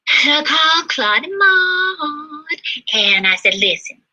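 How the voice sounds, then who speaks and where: A woman performing a solo comedy monologue, chatty, swinging between loud exclaims and hushed asides. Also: high-pitched, very animated, takes it slowly. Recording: dull lo-fi livestream sound.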